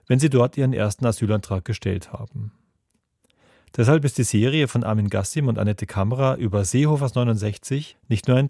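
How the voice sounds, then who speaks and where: A man's voice: fairly low pitch, gravelly, warm tone, no echo, clean studio sound. A man reading a scripted introduction as a radio presenter.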